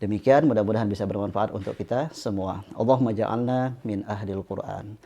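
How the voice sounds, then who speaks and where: A man's voice: on the low side, brisk, creaky, mellow. A man teaching a Quran recitation lesson, explaining pronunciation mistakes carefully and drawing out the example words he recites, with frequent fillers like "nah" and "ya". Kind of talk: tajweed lesson.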